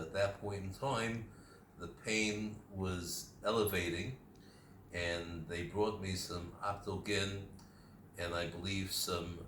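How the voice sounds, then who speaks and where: A man in his seventies speaking in a halting, deliberate way in a casual personal video diary, recorded in a room at home. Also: sits low, a bit bright. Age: 70s. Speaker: patient recovering from shoulder surgery. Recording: roomy echo, faint background noise.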